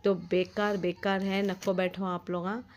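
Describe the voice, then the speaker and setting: A woman's voice: mid-range voice, little pitch movement, a little slow. A young woman, vlogging in a rambling, complaining, chatty way with lots of fillers. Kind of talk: casual vlog narration.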